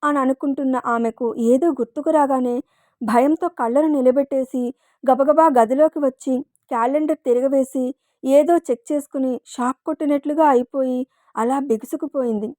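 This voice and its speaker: A woman storyteller reading a romance story aloud as scripted narration, with a steady, dramatic storybook delivery. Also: high-pitched, moderate pace, no echo, clean studio sound.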